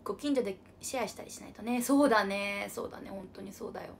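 Her mid-range voice is quick and creaky, with a little hiss or hum in the recording. As a young idol hosting a casual livestream, she bubbles along reading viewer comments, calling herself by a cutesy, unusual pronoun.

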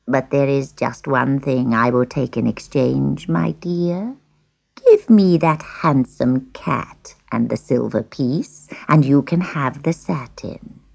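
A woman voicing a sly old witch disguised as a peddler, croaking and drawn out, in a storybook reading. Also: very deep voice, slow pace, darkish tone, voice pushed down, heavily acted.

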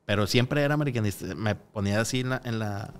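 A man's voice: on the low side, quick pace, a little hiss or hum. A man, a podcast guest telling rambling stories full of hesitations and quoted dialogue. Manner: rambling storyteller, frequent hesitations and acted-out quotes. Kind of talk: casual podcast conversation.

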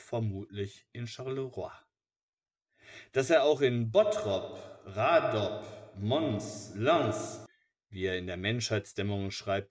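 A man with a lowish voice reads a biography from a script, narrating in a measured, matter-of-fact way much like an audiobook.

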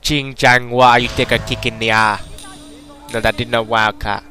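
Putting on a Jamaican accent, a young British gameplay commentator jokes and rambles through casual let's-play commentary. His mid-range voice barely moves in pitch and sounds pushed and bright at a moderate pace, over soft background music.

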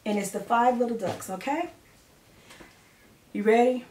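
A middle-aged woman with a fairly high voice leads a lesson for small children. She speaks slowly in simple, repetitive phrases. The recording is roomy, picked up from a short distance. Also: darkish tone. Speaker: preschool teacher. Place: living room or study at home. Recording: roomy, distant mic, faint noise.

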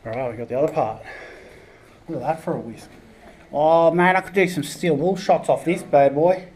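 An urban explorer vlogger with a high-leaning, darkish voice talks at a normal speed, casually narrating his way through an abandoned indoor campus building and commenting on everything he finds. He's recorded on a head-mounted action camera, so the audio is noisy, like a handheld camera.

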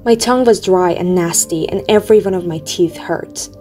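A woman with a lowish voice narrates an audiobook in a steady, measured storytelling style, with faint music playing behind her.

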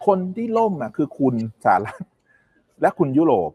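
Husky guy explaining money stuff, real lively up-and-down voice, keeps going "right?". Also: a little high, moderate pace, dry recording. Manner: emphatic, keeps asking "right?" to the listener; confident, makes firm predictions. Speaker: economic commentator. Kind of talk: casual explanatory talk.

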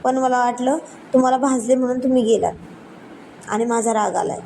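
A woman's voice: fairly high pitch, a little fast, gravelly, dark tone, a little hiss or hum, poor audio. A woman voicing a playful young wife who pouts and teasingly refuses her husband. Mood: sulky.

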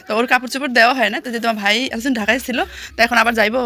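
A young woman vlogging casually from her rural home, a little hoarse, chatting quickly and cooing at a small child. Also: on the high side, steady tone. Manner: rapid chatty talk, coos loudly at a small child. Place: rural home, indoors and yard.

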